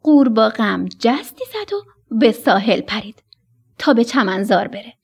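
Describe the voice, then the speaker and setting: A woman's voice: a little high, lively intonation, creaky, husky. A woman narrating a children's story expressively, sometimes sinking to a whisper at tense moments. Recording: soft music behind the voice.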